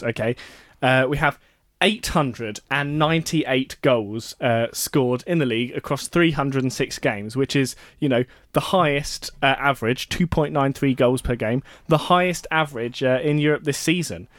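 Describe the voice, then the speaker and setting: A man's voice: medium pitch, no room sound. A man hosting a student sports radio show, chatting casually, laughing often and correcting himself as he goes.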